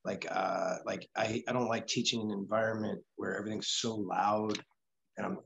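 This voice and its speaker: Man, grappling coach as podcast guest, husky, rambling, profane, candid. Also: on the low side, fairly even intonation, moderate pace, fairly bright tone, poor audio. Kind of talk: casual interview chat.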